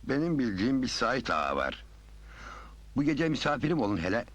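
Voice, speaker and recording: A scheming village agha, smug and sure of himself. His husky voice swings up and down lively as he talks. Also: mid-range voice, fairly quick, no room sound. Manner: smug, confident. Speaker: village landowner. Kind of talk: 1980s film drama acting.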